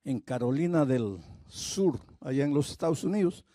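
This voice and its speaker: A man preaching a sermon as a pastor, telling a story slowly and earnestly with repeated phrases. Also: medium pitch, lively intonation, dark tone, dry recording.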